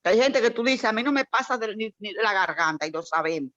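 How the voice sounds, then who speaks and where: A woman tells an emotional church testimony in an animated, storytelling way. Her voice sounds dry and close, with a somewhat dull, lo-fi tone. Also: mid-range voice, fairly quick, dry recording. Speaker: church member sharing testimony. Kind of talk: heartfelt testimony in a prayer meeting.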